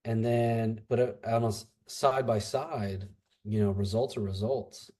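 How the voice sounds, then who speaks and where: A man's voice: lowish voice, fairly even intonation, measured pace, dark tone. A man who teaches English, a guest in a casual podcast chat, rambling and antsy as he talks. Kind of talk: casual conversation.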